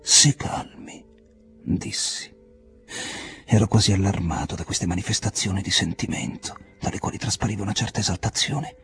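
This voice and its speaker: A man with a low-pitched voice narrates a classic novel in the first person, measured and expressive. Faint music plays softly under his reading. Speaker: audiobook reader. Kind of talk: literary audiobook narration.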